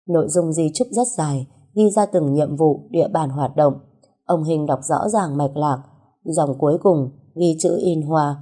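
A woman narrates a dramatic story as a scripted audiobook. Her voice sits low, dark and husky. She keeps a steady storytelling pace.

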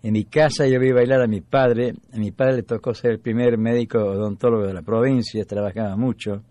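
A man in his nineties with an Argentine accent, telling family memories in an interview with pauses. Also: medium pitch, steady tone, dark tone. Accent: Argentine Spanish. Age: 90s. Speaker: interviewee, folk musician. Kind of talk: storytelling memories.

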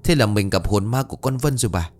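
A man's voice: lowish voice, animated, fast, a little mellow, soft background music, natural voice. A man voicing a nervous young male servant who speaks timidly and deferentially. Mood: frightened.

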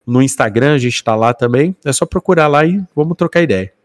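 A man's voice: mid-range voice, animated, a little fast, no room sound, studio quality. A Brazilian man chatting casually as a podcast guest, talkative, often tagging on little questions. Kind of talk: casual chat.

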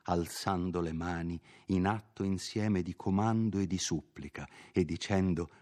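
A man reading a classic novel aloud as an audiobook, measured and expressive. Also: deep voice. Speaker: audiobook reader. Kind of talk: literary audiobook narration.

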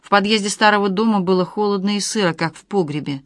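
An audiobook reader narrating a novel in a steady, even storytelling voice. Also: mid-range voice, fast, dry recording, studio quality.

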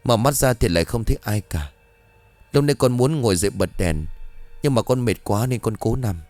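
A man's voice: mid-range voice, expressive, brisk, a little mellow, dry recording, soft background music, close to an everyday voice. A man doing a sick, frightened young boy. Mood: plaintive.

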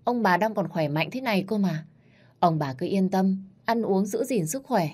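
A woman's voice: on the low side, expressive, a little fast, darkish tone. A woman voicing a cheeky young woman of twenty-two, playful and wheedling with her grandmother.

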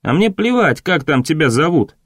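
A man doing a gruff young soldier barking orders. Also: on the high side, very animated, moderate pace, dry recording, clean studio sound. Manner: commanding, coarse. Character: rough young male soldier, gruff and threatening. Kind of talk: audiobook reading.

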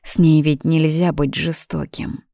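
Low, gravelly woman reading a story. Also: unhurried, dry recording, clean studio sound. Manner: calm, even literary reading. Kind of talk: reading a fairy tale aloud.

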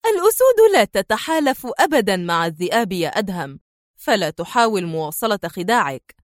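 A woman's voice: on the high side, big pitch swings, normal speed, darkish tone, no echo, studio quality. A woman playing a mocking, defiant female spy. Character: defiant, scheming female enemy agent. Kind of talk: audiobook character voice.

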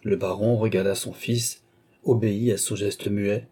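Male narrator, audiobook reading, low voice, mellow dark tone. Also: measured pace, breathy edge. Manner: steady literary narration.

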